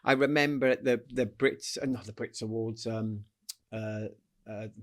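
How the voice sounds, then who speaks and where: Animated British man telling stories. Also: lowish voice, a little slow. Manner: animated storyteller, acts out voices, laughs often. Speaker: guest athlete. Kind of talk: casual storytelling interview.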